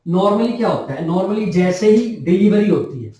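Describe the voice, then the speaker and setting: An animated male nursing tutor lectures in class with a warm, high voice, taking his time. He repeats key terms and asks then answers his own questions, with an echoey room and a distant mic.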